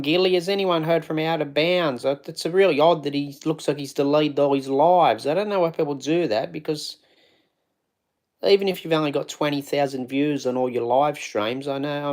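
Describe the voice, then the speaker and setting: A man's voice: fairly high pitch, a little mellow. A man hosting a casual live stream, rambling and greeting viewers by name.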